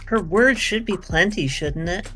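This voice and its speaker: A woman voicing a polite, naive female android companion who speaks in a gentle, earnest and formal way, with faint music behind her. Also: fairly low pitch, unhurried.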